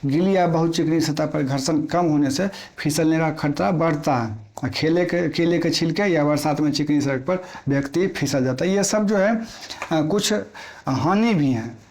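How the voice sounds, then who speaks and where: A man's voice: a little high, moderate pace, darkish tone. A man teaching an exam-prep physics lesson in plain everyday Hindi, repeating key points and asking questions he answers himself.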